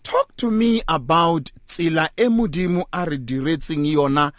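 A man's voice: on the high side, moderate pace, no echo, studio quality. A man with a South African accent hosts a casual radio talk, often chiming in with affirming interjections. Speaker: radio show host. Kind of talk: casual talk with guest and callers.

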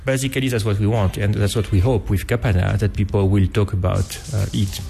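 A man's voice: lowish voice, steady tone, fairly quick, vocal fry, mellow, soft background music. A middle-aged man talking conversationally as a filmmaker guest on radio, phrasing things hesitantly and thoughtfully with good-humoured asides.

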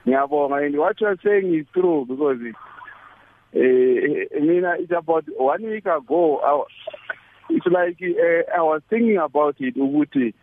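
Male caller, South African Zulu accent, high pitch, tinny phone sound; halting, repetitive testimony mixing English and Zulu. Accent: South African Zulu-language. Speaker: caller to a religious radio show. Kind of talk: personal testimony, casual and conversational. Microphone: telephone.

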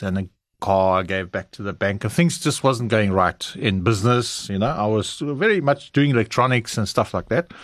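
A middle-aged South African man with a South African English accent and a lowish, slightly bright voice gives his personal testimony as an interview guest, telling it candidly and frankly. The recording is dry, with clean studio sound.

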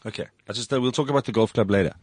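A man's voice: lowish voice, very fast, slightly rough, no room sound. A man hosting a studio podcast in casual chat. He teases his guests, laughs often and keeps the show moving. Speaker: podcast host. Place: radio studio.

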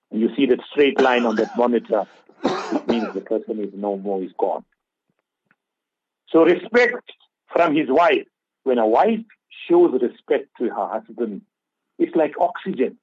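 A man's voice: medium pitch, darkish tone, breathy edge, no echo, dull audio. A man giving religious advice on a radio talk show, preaching and repeating key phrases for emphasis. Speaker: Islamic scholar on radio.

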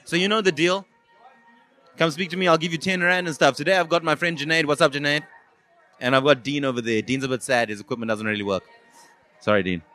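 At a pre-party for a sports match, a South African podcast host runs a casual vox-pop interview, chatting and teasing a guest and often repeating words and answers. His voice is on the high side, fast, bright and forceful, with fairly even intonation, recorded on a handheld or table podcast mic with headphones.

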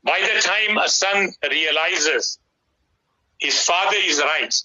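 Speaking slowly in a high, sharp voice, a middle-aged man with a South African Indian accent preaches on the radio in a conversational style. He hammers home his religious advice with emphasis and repeated key phrases, and the broadcast has a slightly dull sound.

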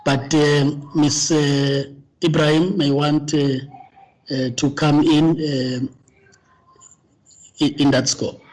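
A man chairing a formal committee meeting, speaking haltingly with many fillers. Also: a little high, flat delivery, darkish tone, low-quality recording.

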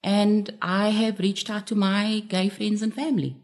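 A woman's voice: medium pitch, flat delivery, a little slow, darkish tone. A middle-aged woman speaking candidly as a guest in a radio interview.

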